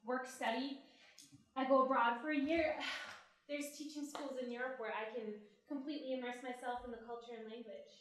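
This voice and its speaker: A woman's voice: high voice, steady tone, normal speed, recorded from a distance, slight background noise, natural voice. A woman playing an earnest, restless college-age daughter in an audio drama. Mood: earnest, hesitant. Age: young adult. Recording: very echoey room.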